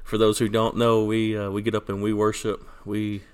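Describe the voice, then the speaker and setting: A man's voice: on the low side, monotone, moderate pace, clear, resonant tone. A man co-hosting a podcast in casual conversation, recorded in an echoey church sanctuary. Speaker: podcast co-host. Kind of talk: casual chat.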